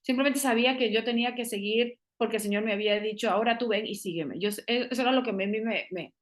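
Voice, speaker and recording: A woman's voice: a little high, fast talker. Earnest woman telling her testimony. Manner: earnest, many restarts, mixes in English phrases. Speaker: guest sharing a testimony. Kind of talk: casual testimony conversation.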